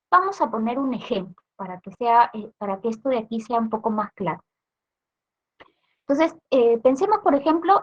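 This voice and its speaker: A woman's voice: high voice, fairly bright tone. A woman with a Peruvian Spanish accent gives a police training talk, often checking in with tag questions. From Peru. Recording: dull lo-fi recording.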